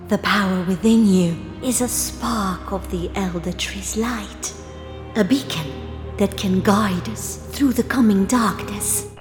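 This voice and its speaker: A woman voicing a mystic oracle who speaks prophecy in a solemn, measured way. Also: medium pitch, reverberant, big-room sound, close to an everyday voice.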